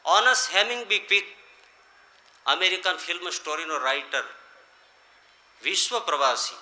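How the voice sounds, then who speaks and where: A man, a monk, giving a sermon on scripture, swinging from loud emphatic lines to quiet low ones. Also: expressive, a little slow, reverberant.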